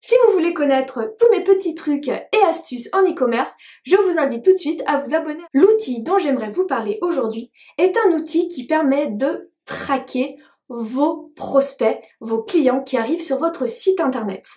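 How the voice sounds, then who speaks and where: High-voiced woman teaching in an echoey room. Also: expressive, moderate pace, dark tone. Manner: chatty, frequent hesitations with "euh". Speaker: digital marketing trainer. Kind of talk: tutorial explanation to camera.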